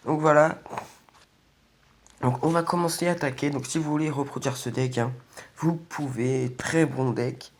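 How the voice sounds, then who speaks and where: A man's voice: medium pitch, moderate pace. A man casually commentating on a video game, his voice weak and congested from a sore throat. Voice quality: slightly croaky, strained by sore throat. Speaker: gaming video host.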